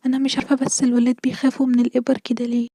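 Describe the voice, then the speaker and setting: A woman's voice: high voice, completely flat delivery, rapid-fire, dark tone, no echo, clean studio sound. A woman voicing a doting Egyptian mother squirrel. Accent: Egyptian Arabic. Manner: coaxing, motherly. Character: loving mother squirrel, doting but firm.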